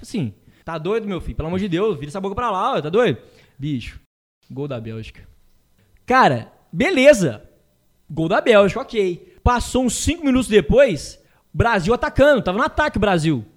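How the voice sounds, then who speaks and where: A Brazilian man tells a story to his friends in loose, slangy talk. His voice sits high and jumps around a lot as he gets into it. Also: a little fast. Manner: animated storyteller, slangy, laughing. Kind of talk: casual chat among friends.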